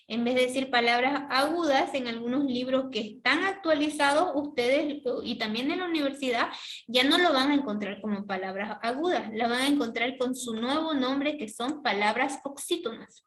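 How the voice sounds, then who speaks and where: A woman teacher giving a classroom lesson, explaining step by step, repeating key words and checking in with a quick "¿ya?". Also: high voice, a bit bright.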